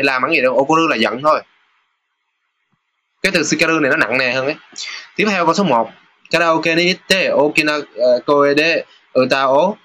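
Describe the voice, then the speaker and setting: Chatty man teaching, bright voice. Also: mid-range voice. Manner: casual, chatty, with filler sounds and reading sentences aloud slowly. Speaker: Japanese teacher. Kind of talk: lesson going over test questions.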